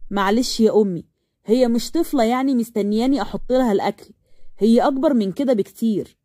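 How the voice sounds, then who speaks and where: A woman's voice: fairly high pitch, expressive, brisk, mellow, no echo, clean studio sound. A woman voicing a cold, irritable young man with an Egyptian accent, talking curtly. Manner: cold, curt, exasperated.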